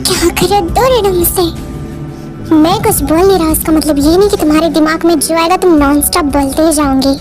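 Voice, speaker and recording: A woman's voice: very high-pitched, a little fast, music in the background. A woman doing a curt, irritable young husband. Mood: angry. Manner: curt, scolding.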